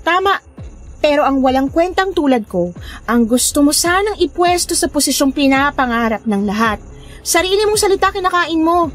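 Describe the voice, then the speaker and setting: Woman voicing a defiant, sharp-tongued healer. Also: high voice, normal speed. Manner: scornful, defiant, lively. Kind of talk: audio drama acting.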